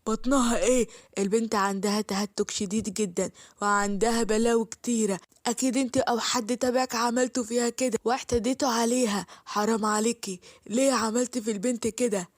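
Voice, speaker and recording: A stern, accusing male doctor with an Egyptian accent, as a woman narrator puts him on, presses hard with each question. The voice stays fairly high and dry. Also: fairly even intonation, fast, no room sound, natural voice. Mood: outraged.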